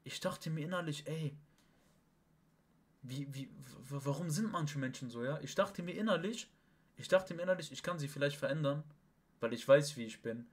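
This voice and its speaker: A man's voice: fairly high pitch, normal speed, husky. A young man and stream host, rambling casually to a chat partner with speech, emphatic and full of oaths and restarts. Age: young adult. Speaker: livestream host.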